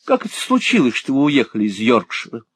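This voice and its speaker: Male reader doing a flustered little old-maid painter: fussy, teasing, pitched way up and swooping, dry close read. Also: wildly swooping pitch, quick pace, slightly rough, dry recording. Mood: concerned. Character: small lively lonely spinster portrait painter. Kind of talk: audiobook character voice.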